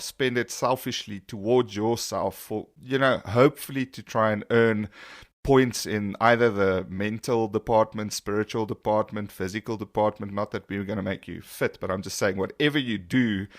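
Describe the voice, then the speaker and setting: A man's voice: on the low side, moderate pace, dry recording, clean studio sound. A man co-hosting a self-help podcast, talking casually and candidly in an encouraging influencer style. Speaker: podcast co-host.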